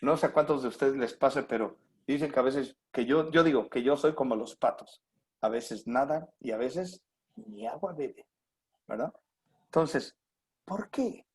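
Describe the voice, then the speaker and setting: A man's voice: mid-range voice, measured pace. A middle-aged man with a Mexican Spanish accent preaching a sermon, full of rhetorical questions and acted-out voices. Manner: animated, acts out quoted voices with rhetorical questions. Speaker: pastor.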